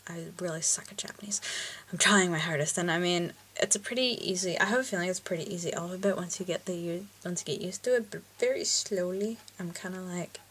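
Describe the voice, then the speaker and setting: A woman's voice: lowish voice, fast talker, hardly any pauses, fairly bright tone, slight background noise. Chatty self-mocking young woman vlogger. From Canada. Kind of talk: casual chat.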